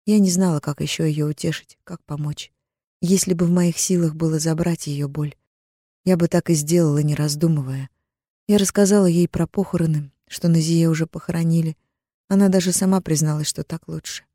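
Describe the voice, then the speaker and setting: A woman reads a first-person novel aloud, calm and even. Her voice is warm and mellow, and the recording is dry and close with no room sound. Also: low-pitched, a little fast, no room sound. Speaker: audiobook narrator. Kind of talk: first-person audiobook narration.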